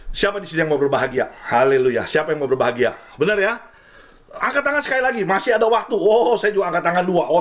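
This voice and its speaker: A middle-aged preacher with an Indonesian accent and a high, bright voice. He talks in a loose, chatty way, says key phrases over and over, and leaps up and down in pitch to stress his points. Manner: animated, swings pitch widely, repeats phrases for emphasis. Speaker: pastor. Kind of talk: sermon.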